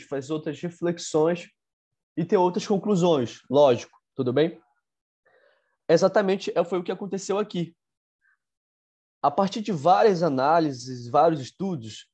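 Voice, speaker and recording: A man teaching an exam-prep chemistry lesson, halting with fillers and asking "tudo bem?" after nearly every phrase. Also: a little high, warm tone.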